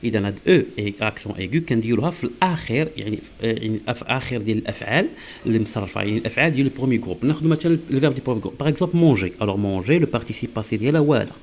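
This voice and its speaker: A man with a Moroccan accent teaching a French grammar lesson, repeating key words slowly and often asking his listeners to focus. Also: mid-range voice, expressive, a little mellow. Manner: keeps urging listeners to focus.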